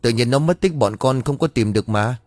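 A man's voice: medium pitch, fairly quick, a little mellow, dry recording, voice pushed up, natural voice. A man voicing a sobbing teen boy. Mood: tearful. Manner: sobbing, defensive. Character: frightened teenage boy Nam, crying.

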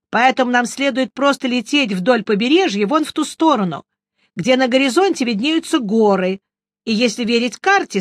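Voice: medium pitch, fairly bright tone, no echo, clean studio sound, close to an everyday voice. A reader voicing a grumpy, sarcastic old male wizard in an audiobook, with a sardonic, grumbling manner. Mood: lecturing. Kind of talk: audiobook character reading.

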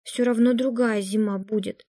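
A woman reading an audiobook gives voice to a detached young woman who talks in a flat, unwilling monotone. The voice sits a little high and sounds mellow, recorded dry and close. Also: normal speed, no room sound, natural voice. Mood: flat indifferent.

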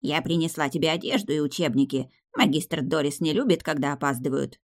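A woman's voice: deep voice, a little fast. A woman voicing a rude, bossy female servant who barks orders in a grating, unpleasant voice. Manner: barking orders like a drill sergeant.

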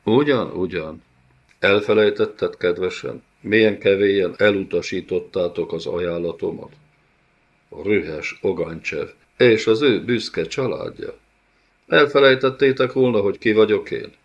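A man's lowish voice, captured in lo-fi sound, brings to life a huge, cruel male beast-warlord in an audiobook. The character taunts with mock tenderness and a sneer, in a gloating, cruel mood.

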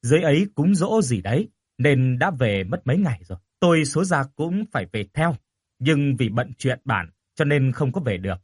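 A man voicing a gruff, secretive older village man who talks bluntly. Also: mid-range voice, very animated, moderate pace, dry recording, clean studio sound. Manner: blunt, questioning, stammers when shaken.

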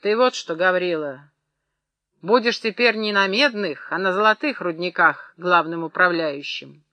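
A male audiobook reader voicing a drunk, boastful rich old gold-mine owner who talks loudly and swaggers. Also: high voice, unhurried, no room sound. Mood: swaggering. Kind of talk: audiobook character voice.

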